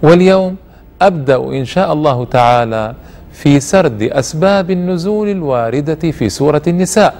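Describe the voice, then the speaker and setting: Higher-voiced man giving a formal religious lesson. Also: animated, brisk, a little mellow. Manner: emphatic, formal classical delivery with exclamations of praise. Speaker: religious lecturer, series host. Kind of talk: religious lesson with recitation and storytelling.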